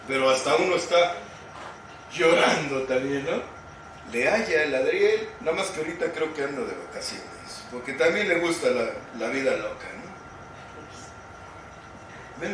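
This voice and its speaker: A man's voice: high-pitched, sharp tone. A Mexican man telling his recovery story at a group meeting, slangy and profane, acting out what people said. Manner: colloquial, profane, storytelling with acted quotes. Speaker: speaker sharing recovery testimony. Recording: echoey hall from far off, noisy.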